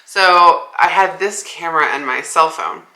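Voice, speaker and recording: Young woman rambling on her vlog, low bright voice, lots of likes, echoey room. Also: measured pace. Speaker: vlogger. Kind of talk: casual vlog talk. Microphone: small 360 camera.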